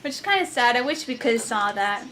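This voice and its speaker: A woman co-hosting a casual video commentary, giggly and quick to laugh. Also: a little high, expressive, a bit bright, a little hiss or hum.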